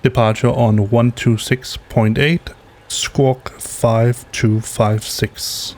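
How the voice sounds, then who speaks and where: A man acting as a pilot in a flight simulator, mixing radio readbacks with relaxed, casual commentary. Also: mid-range voice, slow pace.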